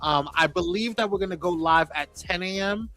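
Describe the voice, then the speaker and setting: A man's voice: sits high, normal speed, pushed and bright. A man hosting a live-streamed talk show, greeting viewers by name in a playful, chatty way. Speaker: host.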